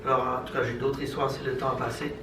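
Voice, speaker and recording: A man's voice: medium pitch, flat delivery, quick pace. Hesitant man speaking in an echoey room. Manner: hesitant, searching for words. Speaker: Mennonite congress speaker. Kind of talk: informal public talk. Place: room at a congress. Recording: echoey room, distant mic, noisy.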